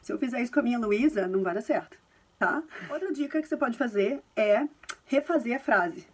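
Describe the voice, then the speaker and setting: A woman's voice: on the high side, animated, brisk. A woman in her thirties from Brazil with a Carioca accent, talking casually to camera from home, reassuring and chatty, with many tag questions. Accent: Carioca Brazilian Portuguese. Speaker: parenting and language vlogger. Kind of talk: casual advice talk to camera.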